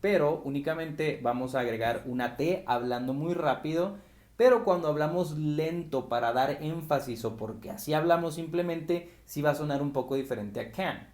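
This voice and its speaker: A man who speaks Spanish as his first language, teaching an English pronunciation lesson and slowly repeating the example words. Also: a little high, a little mellow, roomy sound.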